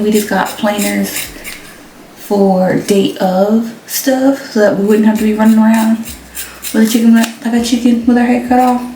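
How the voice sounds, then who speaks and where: Talking directly to camera, this young vlogger keeps things casual and slang-heavy, her mid-range voice mellow. The distant mic picks up room echo along with a little hiss or hum.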